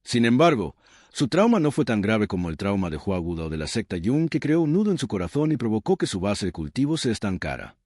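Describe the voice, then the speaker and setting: A man narrating a scripted story recap in a measured, dramatic storytelling manner. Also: lowish voice, sing-song, a little mellow, dry recording, clean studio sound.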